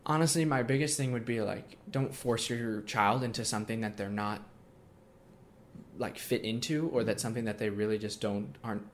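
A man's voice: on the low side, moderate pace, a little hiss or hum. A nineteen-year-old man talking casually as an interview guest, with lots of fillers and restarts. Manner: relaxed, many fillers and restarts.

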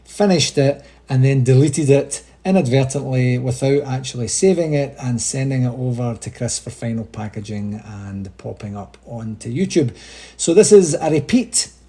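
A man's voice: medium pitch, lively intonation, moderate pace, mellow. A Scottish man hosting a casual solo podcast update, chatty and rambling, with frequent restarts. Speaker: supporters' association podcast host.

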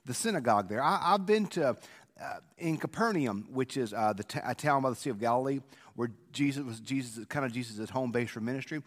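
A male preacher giving an informal, conversational devotional on scripture in a halting way, his voice echoing through a church sanctuary like a cathedral. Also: medium pitch. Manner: conversational, halting with repeated words. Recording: echoey church sanctuary, long reverb.

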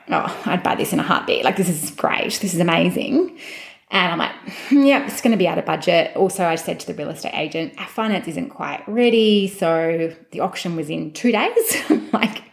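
A woman casually telling a personal story, chatty and animated, acting out the dialogue she quotes. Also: lowish voice, creaky.

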